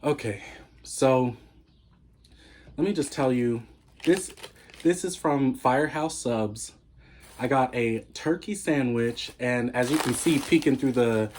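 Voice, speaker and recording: A man's voice: mid-range voice, a little mellow. A young man chatting casually on his eating-show vlog, a little out of breath and laughing often as he savors his food. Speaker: mukbang vlogger.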